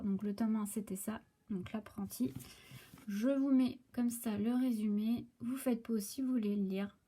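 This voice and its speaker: A woman's voice: medium pitch, warm tone, breathy edge. A French woman talks casually to the camera about new book releases, hesitating with many fillers and restarts, recorded on her phone.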